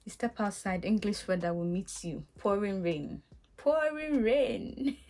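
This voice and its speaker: Her pace is slow and her pitch medium as this young Ghanaian vlogger, speaking with a Ghanaian accent, shares a casual story with her audience. She brings it to life by acting out her own earlier reactions, punctuated with laughs.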